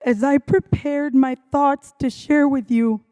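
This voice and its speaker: A woman school principal with a hoarse, strained voice gives an earnest, heartfelt welcoming address to students and families at a ceremony. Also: sits high, fairly even intonation, measured pace, mellow. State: hoarse, losing her voice. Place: school event venue, indoors.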